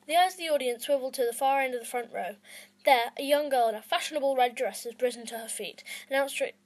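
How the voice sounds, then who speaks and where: A woman's voice: high voice, steady tone, fast talker, poor audio. A woman hosting her own podcast, reading a storybook aloud in an amateur, self-conscious way that stumbles over words. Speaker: podcast host and reader.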